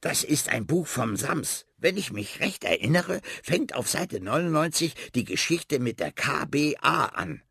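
A greedy, know-it-all bookworm rat from a children's story, put on by a man. The voice sits high and a little husky. It snaps and talks down to the boy it lives with. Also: sing-song, measured pace, few pauses, sharp tone, dry recording, studio quality, full character voice. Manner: snappish and condescending.

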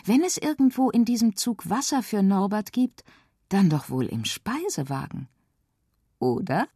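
Woman voicing a bright, eager young girl. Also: mid-range voice, sing-song, unhurried, husky, no room sound, clean studio sound, voice pushed up. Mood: hopeful. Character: young girl, curious and quick-witted. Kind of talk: children's radio story.

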